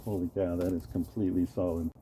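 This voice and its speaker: A man's voice: sits low, flat delivery, quick pace, mellow, slight background noise. A man talking casually in a personal vlog, telling anecdotes and thinking aloud with some hesitation. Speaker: vlogger, first-time ice bath participant.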